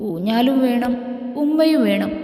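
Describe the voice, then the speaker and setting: A weepy, childlike young wife, tipsy and whining for what she wants, as a woman storyteller puts her on. Her mellow, fairly high voice echoes through a roomy space with a long reverb tail. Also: moderate pace, natural voice. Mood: whiny. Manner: whiny, childlike.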